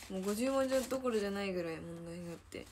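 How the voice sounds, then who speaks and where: Reading viewer comments on her livestream, a Kansai-accented teen idol trainee from Hyogo chats casually, giggling and echoing her own phrases. Her mid-range voice is expressive, rapid-fire, and darkish in tone, with slight hiss or hum.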